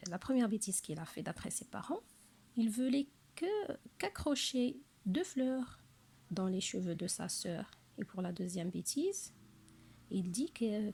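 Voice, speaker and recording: A woman teaching young pupils a lesson, speaking slowly and carefully and repeating each word twice. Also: medium pitch, gravelly, mellow, husky.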